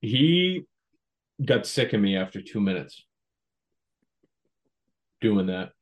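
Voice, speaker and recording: A man's voice: on the low side, sing-song, slow. A young man co-hosting a podcast, telling school stories in a joking, loose way, acting out quotes and swearing freely. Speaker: podcast co-host. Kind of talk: casual chat.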